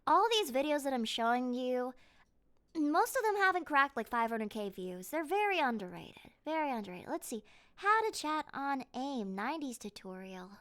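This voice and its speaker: A woman with a distinctly high-pitched voice, talking as a live streamer. She keeps up a casual, playful running commentary, reacting to what she watches and speaking straight to her chat. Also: animated, moderate pace, a bit bright. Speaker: live streamer, VTuber and voice actor.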